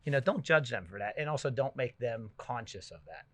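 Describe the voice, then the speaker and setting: A middle-aged man hosting a podcast, chatting casually and telling stories with loud bursts when he gets excited. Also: medium pitch, fairly quick, dry recording. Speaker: podcast host. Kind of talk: casual chat.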